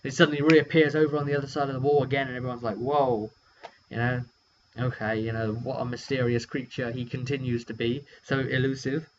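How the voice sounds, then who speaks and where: A brisk man with a level, mid-range voice recaps a tabletop session he ran as game master. The story wanders casually, with a wry edge and short performed quotes. A dull lo-fi microphone adds hum to the sound.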